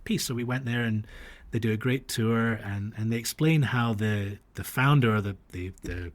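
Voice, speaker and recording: At a moderate pace and fairly low pitch, a man shares stories as a podcast guest in a hesitant, reflective, conversational tone. He was born in Australia and grew up internationally, in the US and Dubai.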